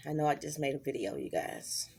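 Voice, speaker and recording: A middle-aged woman, talking in a halting, worried diary vlog and holding back tears. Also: rumbling low, gravelly, fairly bright tone, breathy edge. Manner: halting, many fillers and restarts. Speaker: vlogger.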